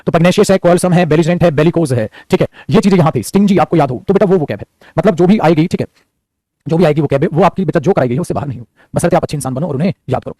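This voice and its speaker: Male teacher for an online vocab class, slightly high voice, rapid and repetitive delivery. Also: warm tone, no room sound. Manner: rapid, repeats phrases, calls students "beta".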